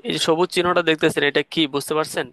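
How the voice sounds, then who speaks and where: A man's voice: fairly high pitch, fairly even intonation, quick pace, fairly bright tone, dry recording. A man teaching an online Quran recitation class, explaining patiently step by step and quizzing his students. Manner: asks students questions to check understanding.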